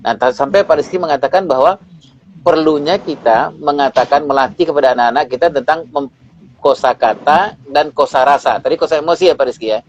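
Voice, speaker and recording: A man's voice: a little high, a little fast. Man hosting a parenting talk. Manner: addresses the audience directly, frequent backchannel murmurs. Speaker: host. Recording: muffled with faint noise.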